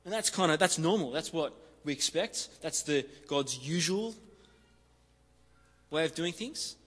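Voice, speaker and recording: A man preaching an expository sermon in a relaxed, conversational way, often saying "kinda" and repeating words for emphasis. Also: fairly high pitch, measured pace, husky. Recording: long reverb of a large hall.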